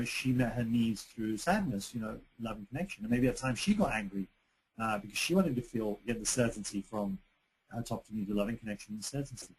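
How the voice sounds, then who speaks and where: A man's voice: mid-range voice, a little mellow, slightly rough, low-quality recording. A man presenting a webinar lesson in a conversational way, with frequent fillers and restarts. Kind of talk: teaching on relationships. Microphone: computer microphone on a webinar.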